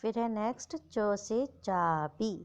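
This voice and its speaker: A woman's voice: mid-range voice, slow pace, gravelly, smooth, highs cut off. A woman teaching young children the Hindi alphabet, patiently explaining and sounding out letters one by one, often checking in with short tags.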